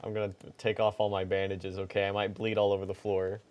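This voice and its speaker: Low-pitched man in gaming chat. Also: monotone, quick pace, a little mellow. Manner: profane, playful. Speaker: video game player. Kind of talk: casual gaming chat with friends. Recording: faint music behind the voice.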